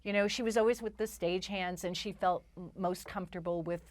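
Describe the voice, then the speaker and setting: A woman's voice: on the low side, steady tone, fairly quick. A woman guest on a talk show, chatting enthusiastically about a stage show with many restarts. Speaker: guest performer. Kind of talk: casual interview chat.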